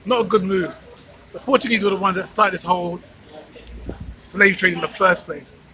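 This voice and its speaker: Heard on a low-quality recording, his high voice is pushed and bright, delivered at normal speed. A vlogger and channel host out on a night street, he gives viewers an informal motivational talk, preaching emphatically and repeating phrases for effect.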